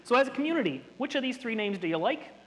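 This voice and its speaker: This male workshop presenter talks fast at an extremely high pitch, his voice swinging widely up and down. Addressing a room full of participants at an interactive session, he explains things chattily and nerdily, and the hall audibly echoes.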